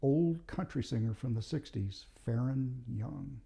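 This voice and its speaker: Here an ex-cop recounts real incidents from his working days, keeping it casual, straightforward, and matter-of-fact. His voice sits at a medium pitch, gravelly and a little slow.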